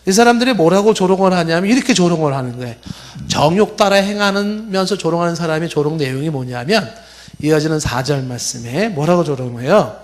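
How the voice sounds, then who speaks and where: A man's voice: fairly high pitch, lively intonation, a little fast. A middle-aged male pastor giving a Bible-teaching sermon, explaining with rhetorical questions and reading passages aloud. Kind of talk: expository sermon.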